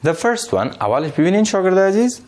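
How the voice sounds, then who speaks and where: Lively man teaching English. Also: sits high. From Afghanistan. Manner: slow, drawn-out delivery with Dari explanations. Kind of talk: bilingual classroom lesson.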